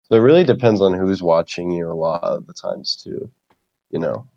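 Low-voiced man rambling on a dull mic. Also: normal speed, vocal fry, mellow, dry recording. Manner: rambling, self-deprecating, laughs a lot. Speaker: podcast guest streamer. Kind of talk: casual podcast chat.

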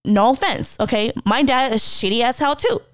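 A woman's voice: fairly high pitch, normal speed, no room sound. A young woman podcast host telling a personal story candidly, blunt and emotional with heavy swearing, close to tears at times. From Hmong community.

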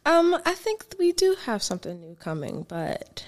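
A woman's voice: a little high, very animated, normal speed. A young woman musician, a guest on a casual podcast, talking in a laid-back way with frequent ums and light laughs. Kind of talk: casual interview chat.

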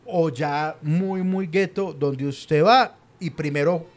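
A man's voice: a little high, slow. Slangy Colombian man ranting casually. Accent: Colombian, Medellín area. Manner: ranting, joking, laid-back slangy talk. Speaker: podcast co-host. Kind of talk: casual comedic chat.

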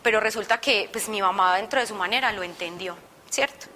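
A woman's voice: medium pitch, brisk, pushed and bright, slight background noise. A young woman giving a personal faith testimony to a group, telling her story expressively and acting out her own past words. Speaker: testimony speaker.

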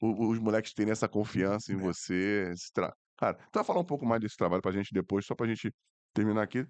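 A man's voice: fairly low pitch, quick pace, a little mellow, no room sound. A man hosting a podcast interview, asking questions in a slangy, teasing way. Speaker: podcast host. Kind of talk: casual interview chat.

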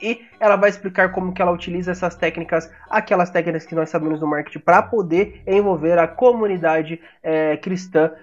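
Brazilian male podcast host, high voice scratchy and hoarse, informal solo delivery, slightly muffled lo-fi sound. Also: fairly quick, few pauses. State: hoarse, scratchy voice from a sore throat. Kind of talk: casual solo podcast introduction and sponsor read.

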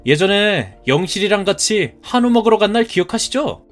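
Speaking a little fast over faint music, a thirty-something man plays a courteous yet headstrong young groom-to-be in a cartoon tale. His pitch sits high and his delivery is very animated as he fires off polite, defiant retorts.

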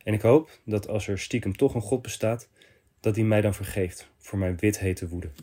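A man hosting a podcast, reading a listener's confession letter aloud in short, measured phrases. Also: on the low side, warm tone.

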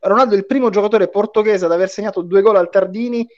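A man's voice: high-pitched, quick pace, muffled recording. A man hosting a casual live football chat, bantering and often repeating his phrases. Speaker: host of a football talk live stream.

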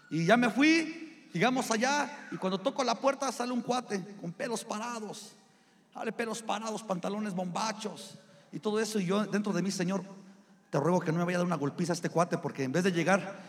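A man with a Mexican Spanish accent, a pastor preaching a sermon with a personal story, talking conversationally to the congregation as brothers. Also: sits high. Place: church sanctuary. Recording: long hall reverb.

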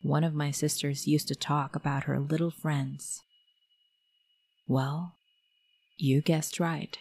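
A middle-aged woman with a Filipino accent, narrating a spooky story in a measured, dramatic way. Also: low voice, level tone, a little mellow, breathy edge, no echo. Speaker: storyteller host.

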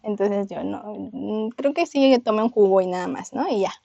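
Gravelly Mexican woman telling a story. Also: mid-range voice, normal speed, no room sound, muffled recording. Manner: animated, acts out quoted voices. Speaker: podcast co-host. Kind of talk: casual storytelling chat.

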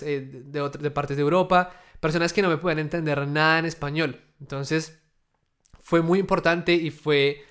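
A man's voice: on the high side, a bit bright. A man who runs his own businesses talks casually to camera, speaking to his viewers directly, asking them questions and filling his speech with loose fillers. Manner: conversational, loose, with many fillers. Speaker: entrepreneur sharing his experience.

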